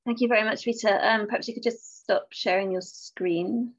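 A woman's voice: medium pitch, fairly even intonation, normal speed. A woman with an Essex accent chairing an academic webinar over a video call, hesitant, with many fillers and restarts. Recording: dull lo-fi call audio.

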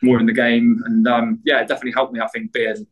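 A soccer player giving hesitant post-match answers to the press, full of fillers and restarts. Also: male voice, mid-range voice, level tone, fast talker, dull audio.

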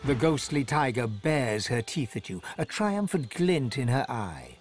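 A man narrating a game story in an expressive, dramatic scripted style. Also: mid-range voice, unhurried, soft background music. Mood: calm. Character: male storybook narrator, vivid.

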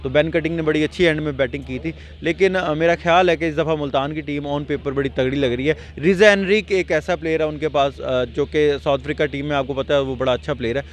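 Middle-aged man, hesitant, thoughtful, slightly high voice, outdoor stadium, handheld mic. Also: fairly even intonation, fairly quick, few pauses, slight background noise. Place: outdoor cricket stadium at night.

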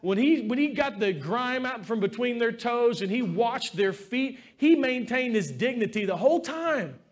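A man's voice: very high voice, expressive, moderate pace. A man preaching a sermon as pastor in a church, talking in an earnest, heartfelt, conversational way.

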